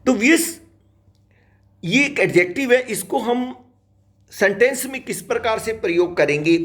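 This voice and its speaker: A man's voice: high-pitched, lively intonation, normal speed, a bit bright. A man teaching an English lesson, who spells each word out letter by letter and calls his viewers "dear children".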